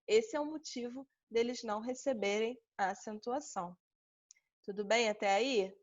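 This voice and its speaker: A Brazilian woman with a slightly high voice and a Brazilian Portuguese accent teaches an online class at a moderate pace. She patiently explains each step and checks in with students often, saying "tá?" frequently. The audio comes through a video call and sounds dull and lo-fi.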